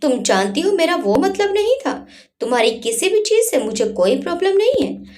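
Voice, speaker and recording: A woman's voice: extremely high pitch, sing-song, normal speed, darkish tone. A woman voicing a reserved young husband in a storybook reading, exasperated and reasoning.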